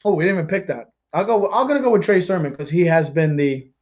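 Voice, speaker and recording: A man hosting a casual sports podcast, excitable and joking, often getting loud. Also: high-pitched, quick pace, noisy background. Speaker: podcast host. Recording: dull lo-fi sound.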